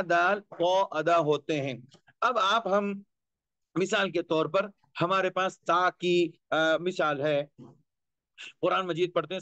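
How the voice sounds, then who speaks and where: A man with a high voice gives a tajweed lesson at a slow, unhurried pace, drawing out each Arabic letter and repeating it to demonstrate. He points out his own teeth and tongue as he explains. The recording is dry and close, with no room sound. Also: fairly bright tone, no room sound. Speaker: Quran recitation teacher.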